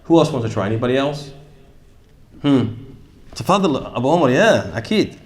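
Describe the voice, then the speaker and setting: A man with a mid-range voice leads a tajweed class, talking fast in a reverberant space. He's animated, modelling sounds and quizzing his students as he goes.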